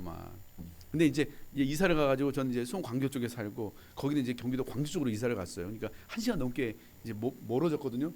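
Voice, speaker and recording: A man in his thirties preaching a revival sermon as a pastor, telling stories about his son and quoting them in dialogue, and joking with the congregation. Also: a little high. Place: church sanctuary.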